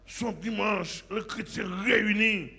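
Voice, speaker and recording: A man with a Haitian accent preaching informally, exhorting his listeners in loud emphatic bursts. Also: sits high, slow, creaky, breathy edge, long reverb tail.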